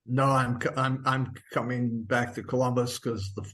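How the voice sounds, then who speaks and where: A man taking part in an online meeting, chatting casually in a medium-pitched voice. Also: steady tone, moderate pace, fairly bright tone. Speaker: meeting participant. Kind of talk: casual chat.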